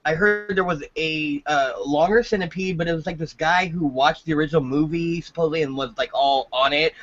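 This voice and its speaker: A high-pitched man with a bright, forceful voice, chatting casually and telling stories with plenty of swearing. He gets excitable and runs with his tangents. The recording is dull and lo-fi. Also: brisk, faint music behind. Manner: loose, profane, excitable storytelling. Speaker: podcast co-host. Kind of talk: casual chat. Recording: dull lo-fi sound.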